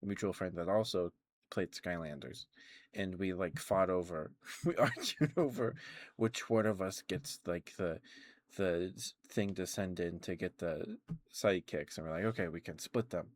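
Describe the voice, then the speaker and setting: A young man doing soft-spoken, casual ASMR rambles in a giggly, halting way, close to the microphone. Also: low-pitched, expressive. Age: young adult. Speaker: ASMR streamer.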